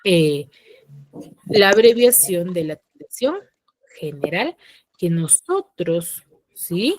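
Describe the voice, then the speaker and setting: A woman teacher giving an online class, explaining slowly and checking in with her students after almost every point. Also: fairly low pitch, very animated. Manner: slow and explanatory, often checks with "¿ya?" and "¿sí?". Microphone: computer mic on a video call.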